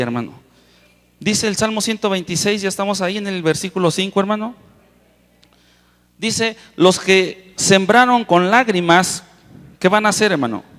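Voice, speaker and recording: A man preaching a sermon to a congregation, impassioned, repeatedly calling them "brother" and drawing out key words for emphasis. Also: a little high. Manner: impassioned, keeps addressing the congregation as "hermano"; stretches key words slowly for emphasis, with sudden loud rises. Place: large auditorium with long reverb. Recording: reverberant hall sound.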